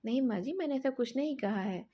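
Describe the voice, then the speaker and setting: A woman's voice: high-pitched, lively intonation, fairly quick, highs cut off. A woman voicing a timid young bride. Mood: meek. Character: young newlywed wife, timid and gentle.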